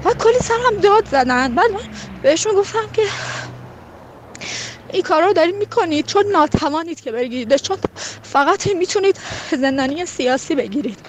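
A woman's voice: extremely high pitch, expressive, long pauses, slight background noise. A young woman from Khuzestan giving a heated, indignant personal testimony. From Khuzestan, Iran.

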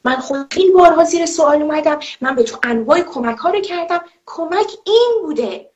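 A woman's voice: sits high, lively intonation, darkish tone. A woman, a former TV presenter, giving a personal testimony in an emphatic, indignant way with rhetorical questions. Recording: roomy, slightly dull audio.

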